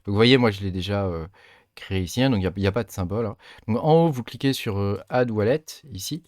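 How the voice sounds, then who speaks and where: A man walking viewers through a software tutorial in a casual, hesitant way, with many fillers as he clicks along. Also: lowish voice, fast, no room sound, studio quality. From France. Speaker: crypto mining tutorial host. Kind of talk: casual screen-recorded tutorial.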